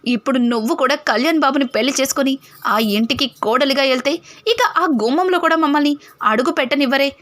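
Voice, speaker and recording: A woman's voice: high-pitched, quick pace, a bit bright. A woman voicing a worried middle-aged mother in a retold serial, with anxious, scolding speech. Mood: fretful.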